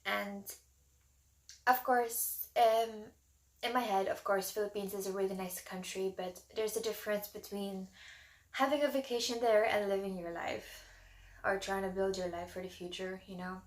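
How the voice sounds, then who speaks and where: A woman's voice: mid-range voice, fairly even intonation, moderate pace. A woman in her twenties talking frankly and casually to camera as a vlogger, filling her speech with "like" and "you know.". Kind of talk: casual personal talk to camera. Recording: echoey room.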